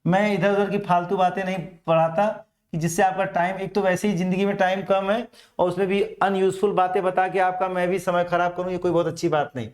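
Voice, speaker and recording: A man's voice: sits high, level tone, a little fast. A middle-aged Indian man teaching an exam-prep grammar lesson, explaining step by step and answering his own questions. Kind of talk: classroom grammar lecture.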